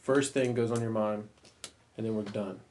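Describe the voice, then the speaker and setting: A man hosting a casual church podcast, talking in a relaxed, chatty way with plenty of fillers, and he has a wife and kids. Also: lowish voice, moderate pace, a little hiss or hum. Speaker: podcast host.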